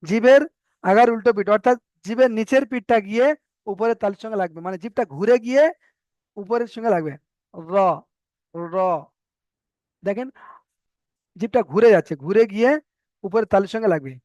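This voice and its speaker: A man's voice: sits high, a little fast, pauses often, a little mellow, dry recording, dull audio. A man teaching a recitation lesson, patiently explaining and repeating sounds for students to drill. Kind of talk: online tajweed lesson.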